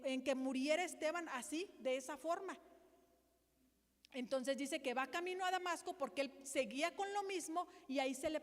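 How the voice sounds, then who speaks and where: A woman's voice: sits high, long reverb tail. A woman pastor preaching a sermon, reading Bible verses aloud and putting direct questions to her listeners.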